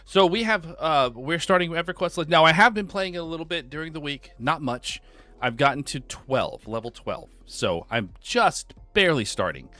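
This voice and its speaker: A man's voice: a little high, lively intonation, moderate pace, bright, forceful tone, no room sound, faint music behind. A man hosting a game live stream from home, chatting casually and greeting viewers by name.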